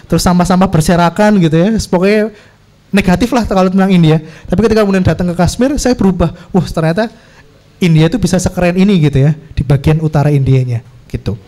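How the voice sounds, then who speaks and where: A man with a high voice tells a travel story to an audience. He is animated, laughs often and acts out the voices of people he met. He sounds a little far from the mic in an echoey hall. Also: fast talker. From Indonesia.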